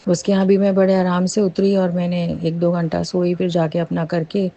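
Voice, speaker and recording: Middle-aged woman, mellow tone, earnest testimonial storytelling. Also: lowish voice, moderate pace, highs cut off. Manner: earnest storytelling, animated when recalling fear. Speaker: devotee sharing testimony. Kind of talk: personal testimony in a satsang.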